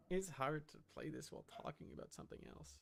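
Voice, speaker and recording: A man streams a game and chats casually while reacting to play, rambling and repeating his phrases, with game audio in the background. His voice is fairly high-pitched and fairly bright, with vocal fry, and there's a little hiss or hum.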